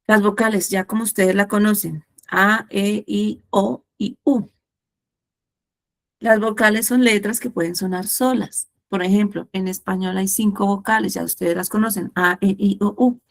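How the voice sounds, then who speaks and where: A woman teaching an online class over a video call, her voice sitting at an ordinary middle pitch. She explains step by step and turns the lesson into a little storybook tale, listing examples one by one for her students. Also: steady tone, moderate pace, gravelly. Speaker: Spanish teacher.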